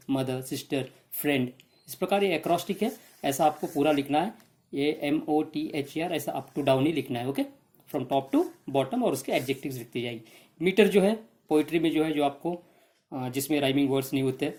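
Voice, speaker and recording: A woman teaching English to students in an exam revision lesson, with an Indian English accent, switching between Hindi and English and slowly repeating example words. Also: very deep voice, darkish tone.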